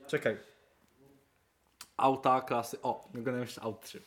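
A young man co-hosting a podcast in casual chat, excitable and swearing freely, his voice jumping up for emphasis. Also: medium pitch, moderate pace. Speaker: podcast co-host.

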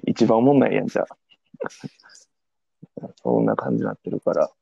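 A man's voice: on the low side, steady tone, a little fast, creaky, mellow, breathy edge, no room sound, muffled recording. A young man with a Kansai accent co-hosting a casual podcast, teasing and laughing often. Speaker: podcast co-host. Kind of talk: casual chat.

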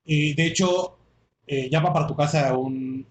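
A man's voice: on the high side, measured pace, a little hiss or hum. A man with a Mexican Spanish accent who hosts a podcast, reading a listener's story aloud in casual comedic chat and laughing often. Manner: animated, laughs often, reads aloud with playful voices.

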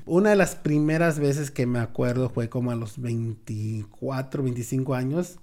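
A man, co-hosting a podcast and telling a childhood story in a deadpan, casual way. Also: medium pitch, moderate pace. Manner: deadpan, tells stories with acted quotes. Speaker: podcast co-host.

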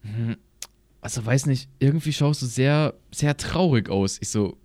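A man's voice: mid-range voice, measured pace, a little mellow, no echo, clean studio sound. Slangy young man telling a rambling story. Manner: slangy, rambling anecdote with acted-out quotes. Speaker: podcast co-host. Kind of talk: casual chat, storytelling. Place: at his home computer.

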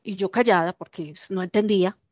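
A woman tells a personal story in a casual, animated way, slipping into the voices of the people she quotes. Her voice sits at a middle pitch for a woman. The recording is dull and lo-fi, with a dry, close sound. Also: a little fast, no echo. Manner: animated, acts out quoted dialogue. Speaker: interviewee.

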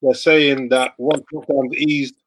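A young man with an urban London roadman accent, hosting a casual podcast in an animated, slangy way. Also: medium pitch, takes it slowly. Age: young adult. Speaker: podcast host. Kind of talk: casual group banter and hosting. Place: indoors at home, on a laptop video call.

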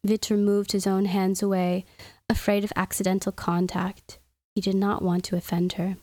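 A woman hosting a podcast, reading a story aloud in a soft, measured, soothing way. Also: medium pitch, flat delivery, dry recording. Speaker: podcast host reading stories. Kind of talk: scripted story narration.

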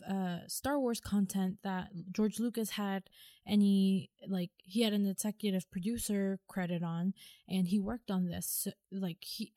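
Mellow-voiced young woman podcast host. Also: medium pitch, no echo, studio quality. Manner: rambling, many fillers and restarts. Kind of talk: casual fan podcast chat.

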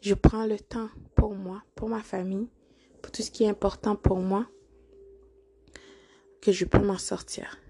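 A woman's voice: medium pitch, little pitch movement, a little slow, pauses often, dark tone, husky. A woman hosting a motivational podcast, speaking earnestly and coaxingly to the listener, often checking in with "d'accord?". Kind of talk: motivational monologue.

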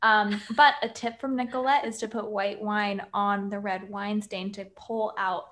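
A woman's voice: mid-range voice, flat delivery, unhurried, fairly bright tone. A woman hosting a podcast, talking casually with many fillers. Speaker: podcast host.

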